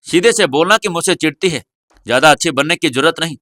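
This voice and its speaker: A man voicing a teasing, sharp-tongued little girl in an audio story, with bossy, mocking retorts. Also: fairly high pitch, animated, fast, dry recording, studio quality.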